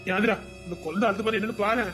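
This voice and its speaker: A woman's voice: medium pitch, fairly even intonation, quick pace, a bit bright, faint music behind, lightly acted. A woman voicing an anxious young village man who fusses over a crying baby, with a Tirunelveli Tamil accent. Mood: fussing. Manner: anxious, fussing. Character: fussing young village man, worried and busy. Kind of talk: Tamil serial drama dialogue.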